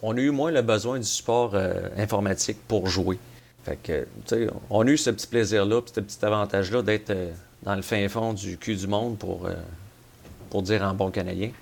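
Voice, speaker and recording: A man from Abitibi with a Québécois French accent, a game store owner talking casually as a guest, with lots of hesitant pauses and dry humor. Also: lowish voice, gravelly, darkish tone. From Abitibi, Quebec. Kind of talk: casual interview chat.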